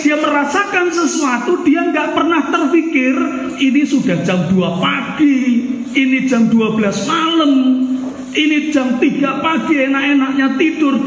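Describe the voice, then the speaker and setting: High-voiced pastor preaching in an echoey hall. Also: male voice, slight background noise. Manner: animated preaching, mimics a crying baby with loud outbursts; addresses the congregation as "saudara". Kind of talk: sermon. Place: church hall. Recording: echoey hall, long reverb.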